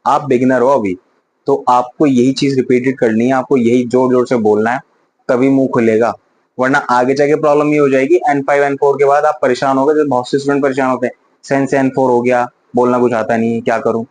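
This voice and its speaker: A man teaching Japanese vocabulary in a casual lesson, repeating example sentences slowly and loudly. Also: medium pitch, level tone, slight background noise, low-quality recording.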